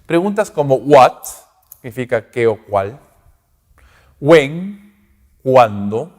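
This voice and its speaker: A man's voice: medium pitch, sing-song, darkish tone. Male language teacher, mid-range voice, patient explainer, long room echo. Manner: explains slowly, checks in often with "¿ok?" and "¿no?"; sounds out English examples slowly and carefully. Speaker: English teacher. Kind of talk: recorded online grammar lesson.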